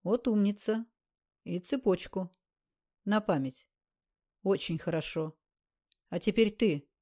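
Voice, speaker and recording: A woman's voice: mid-range voice, slow, warm tone. A woman voicing a cold, mocking male killer who taunts in short lines.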